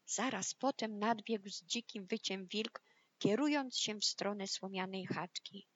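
A woman narrating a children's fairy tale in a calm, measured storytelling voice. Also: medium pitch, lo-fi sound. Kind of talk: storybook reading.

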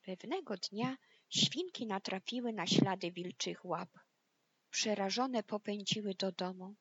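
A woman narrating a children's fairy tale in a calm, measured storytelling voice. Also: mid-range voice, breathy edge, highs cut off. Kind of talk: storybook reading.

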